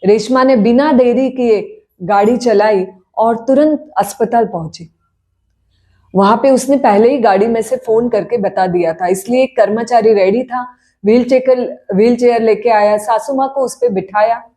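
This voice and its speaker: A woman narrating a family story in a plain, unhurried storytelling manner. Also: fairly high pitch, mellow.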